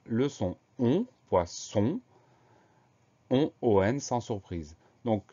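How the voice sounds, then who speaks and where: A man teaching a spelling lesson, who explains each word slowly and spells it out letter by letter. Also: lowish voice, dark tone, highs cut off. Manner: slow, spells words letter by letter.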